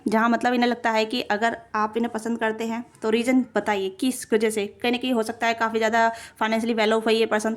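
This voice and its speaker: A young woman giving a casual tarot reading to camera, talking fast in long run-on stretches with frequent fillers and self-corrections. Her voice sits a little high. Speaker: tarot reader.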